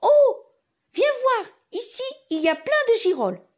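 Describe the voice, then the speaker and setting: A woman's voice: very high-pitched, sing-song, unhurried, pitched above the performer's own voice, heavily acted. A woman voicing an enthusiastic father in a children's story, exclaiming as if reading to a toddler. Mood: excited.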